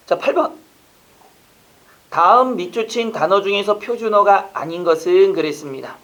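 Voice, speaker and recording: A man teaching an online exam-prep lecture, quizzing listeners with rapid rhetorical questions and casual joking asides. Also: high voice, fairly bright tone.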